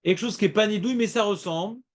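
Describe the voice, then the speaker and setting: A man teaching a Talmud class, explaining in a lively way and quizzing his students. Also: high-pitched, very fast. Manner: lively, asks students questions, playful rhymes.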